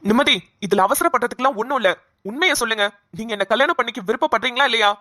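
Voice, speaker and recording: A woman's voice: fairly high pitch, bright, forceful tone, a little hiss or hum. A woman voicing a pushy young doctor man. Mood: demanding. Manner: pushy, demanding, rapid questioning. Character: young man, insistent doctor pressing for marriage. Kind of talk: cartoon voice acting.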